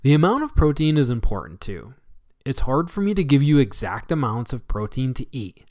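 A man's voice: medium pitch, big pitch swings, normal speed, a little mellow, dry recording, clean studio sound. An American man hosting a scripted solo health talk show, with an emphatic, instructive delivery. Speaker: radio show host.

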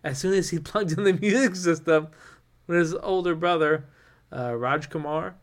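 A man with a slightly high-pitched voice co-hosts a casual podcast. He rambles, restarts his sentences and gets animated, often slipping into nervous laughter. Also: moderate pace. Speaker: podcast co-host.

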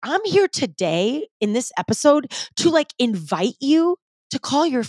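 A woman's voice: sits high, big pitch swings, a little mellow, dry recording. Female motivational podcast host, young adult, emphatic and slangy, punchy repeated phrases, dry recording. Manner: pauses between short, repeated phrases for emphasis. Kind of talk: motivational solo podcast talk.

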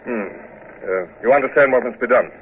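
An actor playing a brooding, self-doubting naval commander in a radio drama, speaking and narrating in a measured, formal, commanding way. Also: male voice, mid-range voice, natural voice. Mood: businesslike. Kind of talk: radio drama acting with first-person narration. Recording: dull lo-fi radio recording, noisy.

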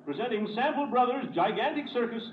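A blustery pompous middle-aged bigwig. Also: male voice, very high-pitched, lively intonation, a little fast. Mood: announcing. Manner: pompous, chuckling often. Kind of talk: 1940s radio sitcom acting. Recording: dull old radio broadcast, loud hiss.

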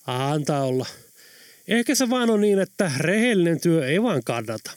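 A man's voice: a little high, big pitch swings, no echo, pitched above the performer's own voice. A resigned, gloomy middle-aged man in a storybook, as a male narrator puts him on. His downbeat lines come in a slightly raised voice. The sound is dry. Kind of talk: audiobook character voice.

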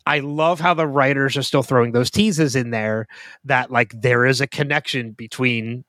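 A male podcast co-host with a mid-range voice chats casually at a moderate pace, thinking aloud about a TV episode. He's relaxed and laughs easily, and the studio recording is dry and clean.

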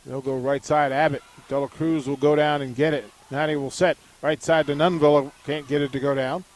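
A man's voice: fairly high pitch, fairly even intonation. Man calling live volleyball on radio. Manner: brisk, measured calling of each rally. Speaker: radio play-by-play announcer. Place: arena broadcast position high above the court.

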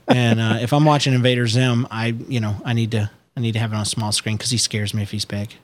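A man's voice: flat delivery, fairly quick, slight background noise. Joking man on a casual podcast call. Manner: joking, breaks into high-pitched impressions and giggles. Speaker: podcast co-host. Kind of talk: casual chat. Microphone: Skype call.

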